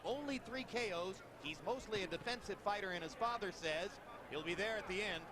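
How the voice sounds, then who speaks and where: A man's voice: sits high, a little fast, crowd noise. A man doing live play-by-play boxing commentary in articulate, storytelling phrases. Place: ringside at a boxing arena. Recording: loud arena noise behind voice.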